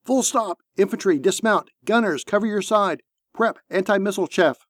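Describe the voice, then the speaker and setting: A tank commander snaps out short battle orders in a raised, strained pitch well above his everyday voice, as a male narrator puts him on. He is urgent and clipped, and his lines sound dry and close with no room around them. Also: normal speed, dry recording, close to an everyday voice. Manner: shouting terse orders.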